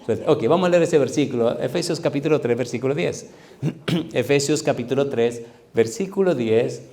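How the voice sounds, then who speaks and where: Warm-voiced pastor in his fifties. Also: mid-range voice. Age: 50s. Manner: engages the audience with repeated questions; slows down to stress scripture readings. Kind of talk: sermon.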